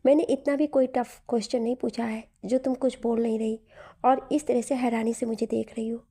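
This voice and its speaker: A woman's voice: on the high side, fairly even intonation, a little fast, warm tone, breathy edge. A woman voicing a playful young man who teases his childhood friend, in a storybook reading. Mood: teasing. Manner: playful, teasing.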